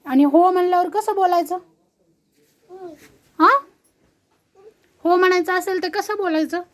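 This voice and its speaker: Woman, very high voice, unhurried, Marathi accent, coaxing baby talk with a toddler, repeats short phrases. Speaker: parent talking to a toddler.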